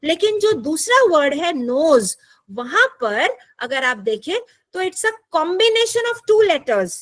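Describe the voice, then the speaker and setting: A woman's voice: high voice, very animated, slow, fairly bright tone, dry recording. A woman teaching an online English class, patiently explaining step by step and checking in with her students. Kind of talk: explaining a lesson, mixing Hindi and English. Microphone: computer mic in an online class.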